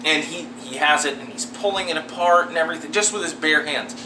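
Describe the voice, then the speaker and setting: A laid-back American man talks candidly through his home cooking. His voice sits a little high and comes from a distance in a roomy, echoing kitchen, with clear background noise. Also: a little fast. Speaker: amateur cooking vlogger. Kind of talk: casual chat, talking through cooking to camera. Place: small home kitchen, indoors. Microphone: camera a step or two away. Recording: roomy, distant camera mic, noisy hum.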